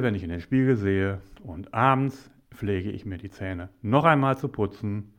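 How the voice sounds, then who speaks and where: A man who works as a mediator and coach gives a motivational talk to the viewer. He speaks deliberately and drops to whispers for emphasis. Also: on the low side.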